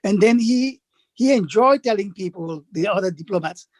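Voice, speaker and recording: A man, the guest of an interview, recounting his life in a measured storytelling way. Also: sits high, animated, a little mellow, dry recording. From Dominican Republic, raised Haitian. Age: 80s. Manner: measured storytelling, acts out quoted speakers.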